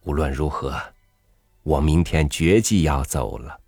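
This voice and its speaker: A man narrating a literary story in a measured, reflective reading. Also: a bass voice, gravelly, a little mellow, no echo, studio quality, faint music behind.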